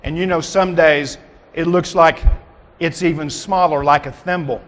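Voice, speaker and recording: A man's voice: on the high side, fairly even intonation, moderate pace, fairly bright tone. A man giving a motivational keynote speech on stage, dramatic and firing rhetorical questions at the audience. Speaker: keynote speaker. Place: large convention hall stage. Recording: long hall reverb.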